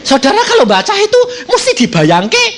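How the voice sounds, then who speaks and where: Animated male preacher. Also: very high-pitched, a little fast, crowd noise, background noise. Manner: animated storytelling, acting out voices with laughter. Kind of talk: sermon.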